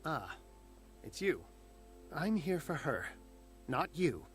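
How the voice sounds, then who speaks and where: An actor playing an aloof male occultist in a video game, speaking in a haughty, measured and condescending way. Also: fairly high pitch, big pitch swings. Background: game music.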